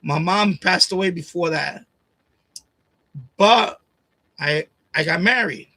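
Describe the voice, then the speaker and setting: A man's voice: high-pitched, takes it slowly, sharp tone, dry recording. A man in his late fifties, a livestream host, ranting about his family in a rambling, profane way, repeating phrases and pushing his voice up when upset, into a desk microphone at home. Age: 50s. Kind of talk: emotional personal rant. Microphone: desk USB condenser microphone.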